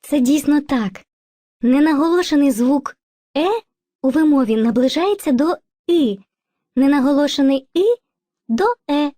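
A woman's voice: high-pitched, unhurried, long pauses, no echo, studio quality. A woman voicing Movka, a kind female spirit of language who teaches and narrates patiently in an educational cartoon. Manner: patient, gently instructive, addresses children fondly.

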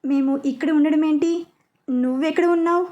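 Woman playing an exasperated young man, high and mellow, in a spoken storybook. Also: steady tone, normal speed, muffled recording, lightly acted.

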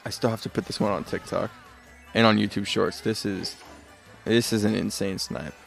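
A man's voice: fairly low pitch, steady tone, moderate pace, vocal fry, soft background music. A man streaming a video game live, chatting casually and rambling, often muttering asides and correcting himself. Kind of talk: casual live gameplay chat.

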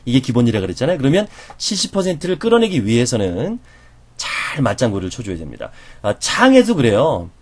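A man lecturing as a professor on conversation skills, animated and acting out reactions as he explains. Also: mid-range voice, brisk.

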